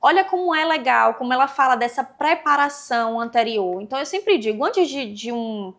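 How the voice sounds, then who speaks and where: A woman's voice: high-pitched, expressive, brisk, a bit bright. A woman, a psychologist, explaining emotional matters in a panel discussion in an affirming, counselling way.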